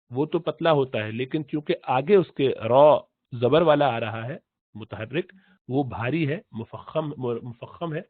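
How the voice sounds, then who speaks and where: A man teaching tajweed in Urdu, explaining slowly, repeating letter sounds and chanting recited verses in long drawn-out tones. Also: medium pitch, no echo. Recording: tinny phone-like audio, dry.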